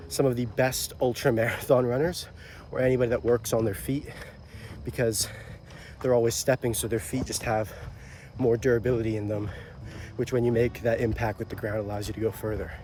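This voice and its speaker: A young male vlogger talks casually to the camera in an upbeat, chatty, loose and rambling way, sounding slightly congested with a cold and out of breath after a run. His voice is medium-pitched and darkish, with a steady tone and moderate pace. Slight background noise and faint music sit behind him.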